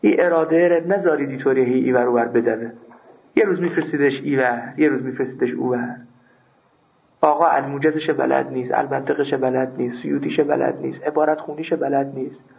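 A man's voice: mid-range voice, steady tone, gravelly. A man teaching a seminary class on religious law, emphatic and scolding, who raises his voice at his students. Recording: tinny phone-like recording.

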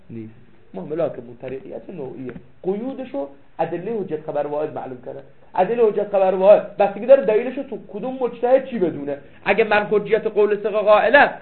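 A man teaching a seminary class, reading out Arabic text and explaining it with rhetorical questions, repeating key phrases for emphasis. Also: high-pitched. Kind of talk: classroom lecture. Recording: tinny lo-fi phone-like recording.

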